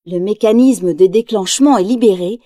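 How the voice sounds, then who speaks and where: A woman narrating a children's storybook aloud, lively and expressive. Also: mid-range voice, normal speed, no room sound, clean studio sound. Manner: lively, acts out quotes in raised voice.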